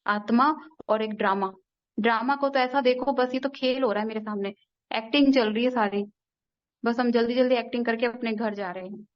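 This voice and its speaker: A woman's voice: on the high side, a little fast, highs cut off. A young woman earnestly sharing a personal spiritual testimony with a gathering, repeating phrases for emphasis. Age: young adult.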